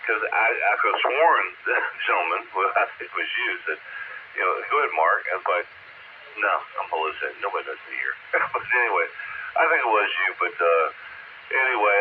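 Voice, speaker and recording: An older man making casual, rambling and hesitant conversation over two-way radio as an operator. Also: low voice. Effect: two-way radio transmission. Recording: very narrow, noisy GMRS radio audio.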